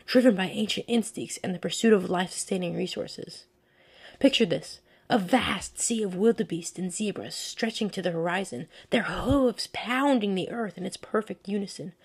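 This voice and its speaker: A woman hosting a podcast in the style of a scripted nature documentary, with earnest, descriptive and measured storytelling. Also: medium pitch, creaky, slightly rough. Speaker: podcast host.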